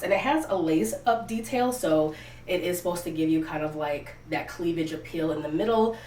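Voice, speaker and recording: Outdoors in the wind, a young fashion vlogger with a stuffy, sniffly cold chats casually to camera while trying on clothes, talking candidly to her audience. Her pitch is fairly low. Recorded from a distant mic, the audio is roomy and echoey with faint background noise.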